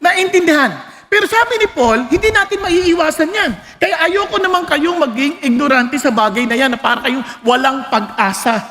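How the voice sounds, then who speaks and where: A Filipino man preaching a sermon as pastor, animated and joking, shouting for emphasis. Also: extremely high pitch, moderate pace, in a large hall.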